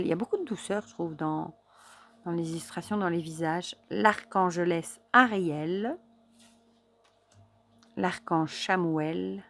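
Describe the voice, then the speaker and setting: A woman casually reviewing an oracle card deck, chatty and admiring, with many fillers and soft, near-whispered asides. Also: on the low side. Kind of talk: casual show-and-tell review.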